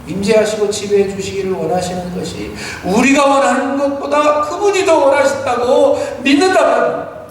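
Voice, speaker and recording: Korean pastor preaching in an echoing sanctuary. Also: male voice, very high-pitched, moderate pace, a little hiss or hum. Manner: earnest, exhorting, rhetorical questions. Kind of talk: Sunday sermon with storytelling. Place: church sanctuary. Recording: church hall reverb, distant mic.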